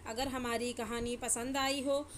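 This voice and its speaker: Woman reading a family story, steady measured voice, sits a bit high, flat tune. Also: slight background noise. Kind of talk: storybook narration.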